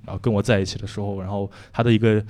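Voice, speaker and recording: A man's voice: fairly low pitch, flat delivery, racing, darkish tone. A young man from Shanxi doing a frank, rambling, self-mocking stand-up set with lots of fillers. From Shanxi, China. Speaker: stand-up comedian.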